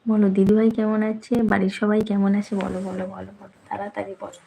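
Live-stream host, female, affectionate teasing chat with viewers, mid-pitched, slight fry. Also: flat delivery, fast, dark tone, slight background noise, poor audio. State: slightly out of breath. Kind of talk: casual live chat reading viewer comments.

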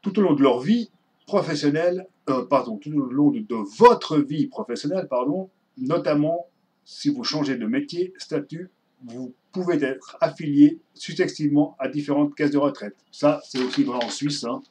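A man's voice: on the high side, moderate pace, a little mellow. Man reading with asides. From Switzerland. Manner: reads aloud with many asides and restarts. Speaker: vlogger. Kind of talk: casual explainer reading a document.

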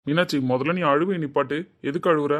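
A man's voice: fairly high pitch, fairly even intonation, quick pace, a bit bright, lo-fi sound, natural voice. A man playing a short-tempered, protective older brother who scolds and gives orders, in an amateur audio drama. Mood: stern. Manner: scolding, commanding.

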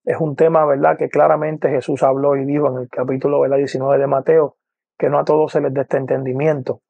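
Gravelly Puerto Rican evangelist. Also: male voice, medium pitch, level tone, a little fast, warm tone, no room sound, lo-fi sound. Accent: Puerto Rican Spanish. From Puerto Rico. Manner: earnest, repeats "poderoso el nombre de Jesús", many "eh" and "¿verdad?". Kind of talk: personal testimony to camera. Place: indoor room with lamp, seated. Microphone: lapel mic.

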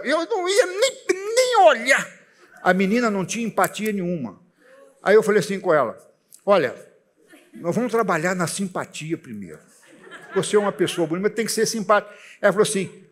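A male pastor delivers a sermon in a fairly high voice. He preaches in a lively storytelling way and often turns to the congregation with questions.

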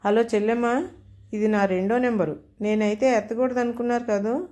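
A woman's voice: a little high, steady tone, moderate pace, mellow, natural voice. A woman reading a storybook tale, voicing a pushy, freeloading middle-aged man who wheedles favours over the phone. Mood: wheedling. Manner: overfamiliar, wheedling.

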